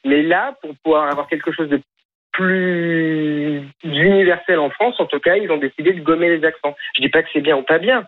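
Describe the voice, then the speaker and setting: A man's voice: fairly high pitch, moderate pace. Hesitant male caller on a phone line. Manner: hesitant, many fillers. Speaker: radio caller. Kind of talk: phone-in chat.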